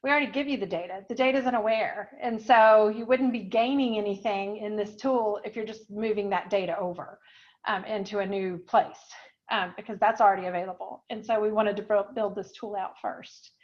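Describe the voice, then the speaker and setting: A woman presenting an online software webinar, explaining in a chatty way with many fillers, a little out of breath. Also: mid-range voice, steady tone, fairly quick. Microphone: video call. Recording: dull lo-fi online call audio.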